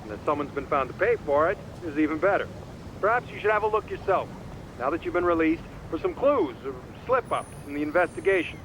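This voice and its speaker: A man's voice: a little high, expressive, brisk, noisy background, close to an everyday voice. A man voicing a pragmatic, encouraging lawyer in a video game, matter-of-fact and cajoling. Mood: businesslike.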